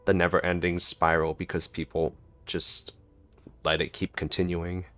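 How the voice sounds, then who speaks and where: A man's voice: sits low, level tone, moderate pace, fairly bright tone, soft background music. A man giving casual, rambling and jokey reaction commentary over a video game. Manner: rambling, filler-heavy, jokey. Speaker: gaming streamer.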